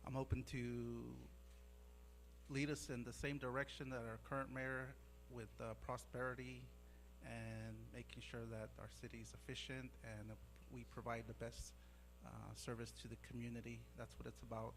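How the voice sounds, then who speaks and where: A man giving a short speech as the new mayor at a council meeting, steady with frequent fillers. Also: medium pitch, moderate pace, noisy background.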